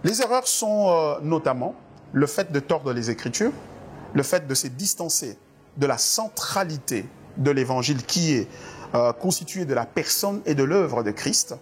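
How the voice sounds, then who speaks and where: A man's voice: on the high side, animated, normal speed, soft background music. A man from the Congo, a pastor, answering interview questions about church doctrine in an earnest, preacherly way, with frequent hesitations and repeated words. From Democratic Republic of the Congo.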